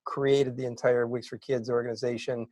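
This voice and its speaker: A middle-aged man telling his story as an interview guest, animated and building to excited bursts. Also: mid-range voice, moderate pace, no echo. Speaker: interview guest, wig maker.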